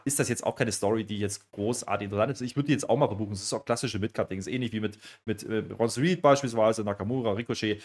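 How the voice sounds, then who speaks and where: Fast-talking man reviewing wrestling. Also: lowish voice. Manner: chatty, hesitant with many fillers. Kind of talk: casual podcast chat.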